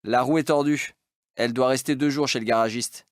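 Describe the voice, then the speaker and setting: Textbook audio: a man playing a calm guy telling of a crash, matter-of-fact, dry close sound. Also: mid-range voice, fairly quick, dry recording, natural voice. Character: adult man calmly recounting a scooter crash. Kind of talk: scripted textbook audio dialogue.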